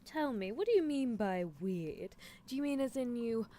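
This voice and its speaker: Her voice sits on the high side and is warm and expressive, moving at a normal speed. The streamer is improvising an ASMR roleplay in which she plays a conniving, possessive mad scientist from anime, muttering in exaggerated exasperation.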